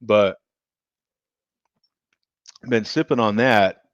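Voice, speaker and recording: Hosting a casual beer show on a live stream, a man with a fairly low-pitched voice talks at a slow pace. He's a bit tipsy from drinking, rambling, laughing often, and chatting with his viewers. There's no room sound on the recording.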